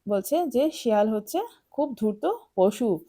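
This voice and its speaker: A woman teacher explaining English words to young pupils, spelling them out and repeating them slowly. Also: a little high, expressive, mellow.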